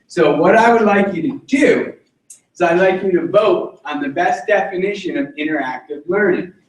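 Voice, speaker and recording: A man leading a classroom workshop, chatty and halting, with frequent restarts. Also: high-pitched. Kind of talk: classroom presentation. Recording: echoey room, from far off.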